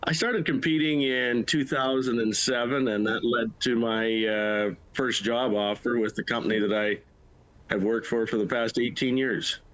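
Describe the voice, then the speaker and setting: A man's voice: mid-range voice, steady tone, moderate pace, fairly bright tone, rough recording. A middle-aged man with a Canadian Prairie accent, answering interview questions in a plain-spoken way, in short bursts. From Manitoba, Canada. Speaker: livestock auctioneer, interview guest. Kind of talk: casual interview conversation.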